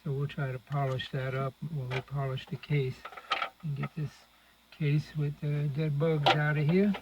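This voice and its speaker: A radio restoration channel's host, his voice on the high side and level in tone, gives moderate-paced, unscripted remarks while he demonstrates a repair, murmuring as he works. The recording sounds dull and lo-fi, with loud noise and clicking.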